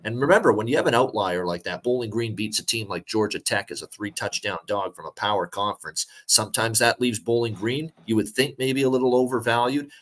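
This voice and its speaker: Speaking indoors from his home, a low-voiced man co-hosting a sports betting podcast talks through betting picks casually. His delivery stays steady and chatty, peppered with frequent "uh"s.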